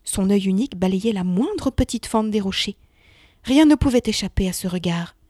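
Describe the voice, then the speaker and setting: A woman narrating a children's myth story in an expressive reading voice that sinks to a hush in tense moments. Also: mid-range voice, moderate pace, no echo, clean studio sound.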